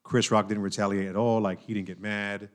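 Guy from new york hosting a podcast, lowish voice, chatty and animated, keeps saying like and right. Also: a little fast. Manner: animated, talks with hand-wavy fillers and repeats himself. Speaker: podcast host. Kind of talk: casual chat.

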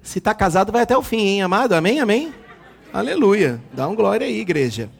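Animated husky pastor. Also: male voice, sits high, fairly quick, a faint crowd. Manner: animated, jokes with the congregation, acts out quotes. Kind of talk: lively sermon.

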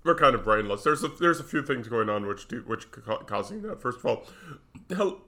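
Congested middle-aged man, bright voice. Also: medium pitch, sing-song, moderate pace. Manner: rambling, self-deprecating, many restarts. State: stuffed up, congested. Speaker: podcast co-host. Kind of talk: casual podcast chat. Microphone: close mic.

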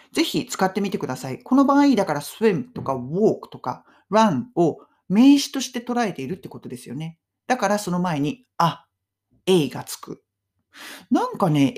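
A woman hosting a casual English lesson in Japanese, modeling English phrases slowly and clearly for listeners to repeat. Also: deep voice, darkish tone. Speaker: English teacher podcast host.

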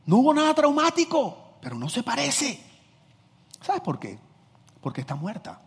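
Husky preacher man in a ringing hall. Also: moderate pace. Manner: animated preaching, swings from loud emphasis to low asides, acts out anecdotes. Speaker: pastor. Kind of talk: sermon.

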